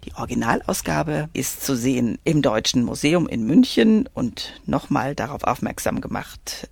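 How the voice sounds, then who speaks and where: A woman's voice: rumbling low, gravelly, darkish tone, slightly rough, no room sound. A woman radio host in a local radio studio, thanking a guest and reading announcements.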